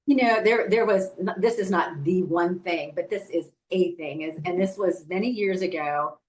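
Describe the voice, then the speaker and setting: A woman's voice: fairly low pitch, normal speed, distant mic, low-quality recording. A middle-aged woman guest in a conversational interview, telling earnest stories with many fillers. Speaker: guest, ministry leader.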